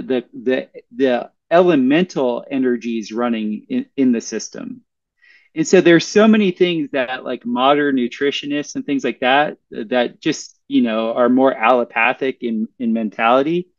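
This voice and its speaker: A man explaining things in casual conversation, in an earnest and somewhat halting way. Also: medium pitch, no echo, muffled recording. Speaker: bodywork practitioner.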